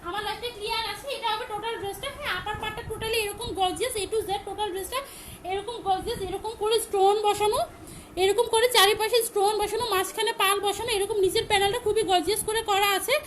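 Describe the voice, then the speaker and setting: A woman with a Bangladeshi Bengali accent hosts a live-stream dress sale. Her voice sits very high, and she talks fast and loud, repeating prices and details again and again. A faint hum of background noise sits behind her phone recording. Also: steady tone, poor audio. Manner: loud, repetitive sales pitch. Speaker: online shop seller. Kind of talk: live-stream product selling.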